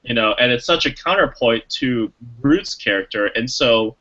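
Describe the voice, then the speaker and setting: A man's voice: medium pitch, lively intonation, normal speed, bright, forceful tone, highs cut off. A man co-hosting a podcast, chatting casually and enthusiastically about a movie, rambling with lots of fillers. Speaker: podcast co-host. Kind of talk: casual movie review chat.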